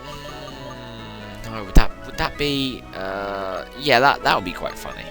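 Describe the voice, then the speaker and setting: A young man's mid-range voice is animated but slow as he gives loose, rambling commentary over his video game. This let's-play gamer is talkative and self-interrupting, and the game music is loud in the background.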